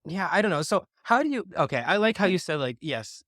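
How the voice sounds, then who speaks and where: A man hosting a casual podcast chat, telling lively stories and backing up his guest with quick agreement. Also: high-pitched, no echo, studio quality. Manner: animated storyteller, quick listener backchannels. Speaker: podcast host.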